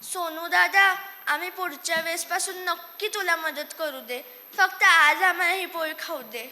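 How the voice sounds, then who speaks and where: A woman's voice: very high voice, normal speed, sharp tone, heavily acted. A woman voicing two small lazy mice, eager and whiny, on a stage. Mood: pleading. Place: stage in a hall. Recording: echoey hall.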